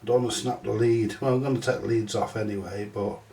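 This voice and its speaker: Here a repair channel host, a middle-aged man with a stuffy cold, works indoors in a cramped, cluttered electronics shop, wandering slowly through the job, cursing offhandedly and mocking himself. He has a lowish, gravelly, slightly mellow voice with fairly even intonation. The distant mic picks up reverb and a little hiss or hum.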